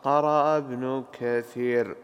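A man formally reading a classical commentary aloud in a slow, careful recitation for his teacher. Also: medium pitch, steady tone, clear, resonant tone, long reverb tail, muffled recording.

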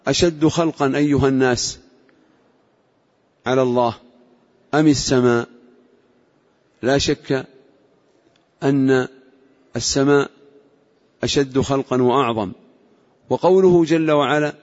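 A man's voice: mid-range voice, a little mellow. Man teaching scripture in an echoing hall. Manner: measured, explanatory, quizzes students on grammar. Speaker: Islamic scholar teaching Quranic exegesis. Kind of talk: classroom tafsir lesson with questions to students. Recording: lo-fi recording in a reverberant hall.

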